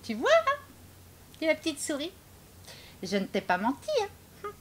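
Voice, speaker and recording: A woman voicing a small, clever, boastful mouse in a children's storybook reading, with a bright, teasing voice. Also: wildly swooping pitch, unhurried, a little hiss or hum, full character voice. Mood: cheeky. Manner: bright, teasing, high and bouncy.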